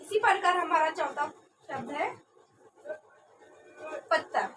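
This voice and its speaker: Speaking slowly and with lively intonation, this young adult trainee teacher uses a high voice to run her class. Every word gets repeated with care, and she answers her own questions. Background noise is clear, and the mic seems far away.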